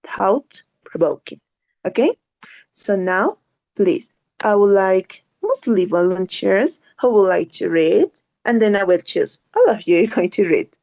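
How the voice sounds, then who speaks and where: Woman english teacher, slow careful words, soft mellow voice. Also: medium pitch, animated, gravelly, highs cut off. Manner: slow, drawn-out model words, switching to quick explanations. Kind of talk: online class teaching pronunciation.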